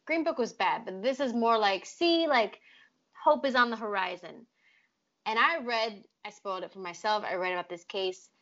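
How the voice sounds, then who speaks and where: A woman's voice: mid-range voice, normal speed, a bit bright. Woman host chatting about movie trailers, dry wry humor, kinda muffled lo-fi audio. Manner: wry, self-described pessimist. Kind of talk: casual trailer-reaction chat.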